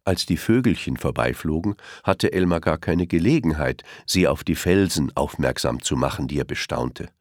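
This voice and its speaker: A man with a very deep voice reads a children's story aloud, his pitch rising and falling with expression. The recording is close and dry, with no room sound. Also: lively intonation, normal speed, few pauses, dry recording. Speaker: narrator.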